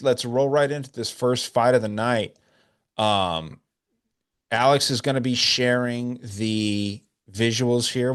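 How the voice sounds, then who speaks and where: A man hosting a casual sports-betting podcast, talking loosely and swearing often while he runs through his picks. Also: mid-range voice. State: drinking whiskey, hiccuping. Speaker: podcast host. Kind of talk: casual chat.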